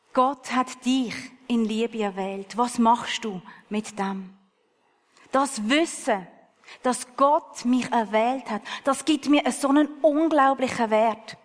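A woman preaching a sermon in an earnest, personal, conversational way, recorded in a church hall. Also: a little high.

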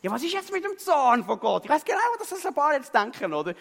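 A man with a Swiss German accent preaching a sermon and telling a personal story in a lively way, often tagging his sentences with a question to the congregation. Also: very high voice, fast, creaky. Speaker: pastor. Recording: long hall reverb.

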